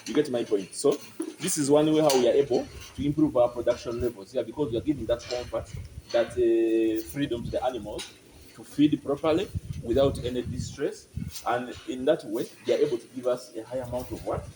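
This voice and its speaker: A man's voice: medium pitch, a little fast. A man guiding visitors through a dairy barn, explaining step by step and often checking that his listeners follow. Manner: explanatory, keeps checking "you get my point?". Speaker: farm guide. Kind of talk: explaining on a farm tour. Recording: noisy farm barn recording.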